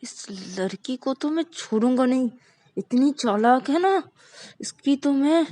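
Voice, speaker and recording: A woman voicing a hot-tempered, scheming young man who speaks in loud exclamations. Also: mid-range voice, fairly even intonation, normal speed, no room sound, natural voice. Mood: angry.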